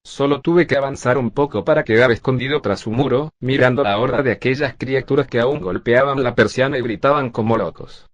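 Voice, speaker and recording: A male text-to-speech voice narrating a first-person zombie story in a steady, even reading. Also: mid-range voice, brisk, few pauses, dry recording.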